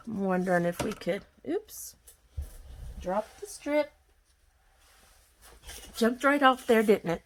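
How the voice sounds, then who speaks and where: A woman from Kentucky with a Southern accent, chatting casually and rambling folksily as she walks through a craft project at her home work table. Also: lowish voice. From Kentucky, USA. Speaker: craft vlogger. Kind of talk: casual crafting tutorial chat.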